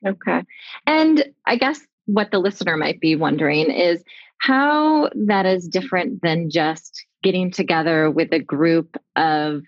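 Woman, interviewer, measured questions, slightly dull dry sound. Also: deep voice, no room sound. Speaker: podcast interviewer.

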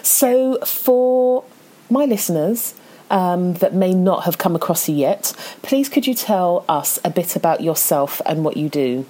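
A woman's voice: on the low side, expressive, measured pace, warm tone. A woman hosting a podcast interview, enthusiastic and encouraging toward her guest. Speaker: podcast host.

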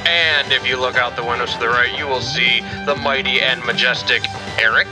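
A man putting on an airline pilot giving in-flight announcements, unhurried and official. The words come slow and even, with plucked guitar playing underneath. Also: medium pitch, lightly acted. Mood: calm official. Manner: calm, measured announcer delivery. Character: male airline pilot making cabin announcements. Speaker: podcast host.

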